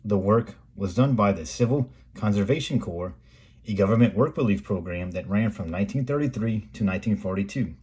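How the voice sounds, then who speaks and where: A middle-aged American man hosts a photography video, reading a scripted voice-over in a measured, plain, explanatory manner. His voice is lowish, dark and husky, with background music underneath.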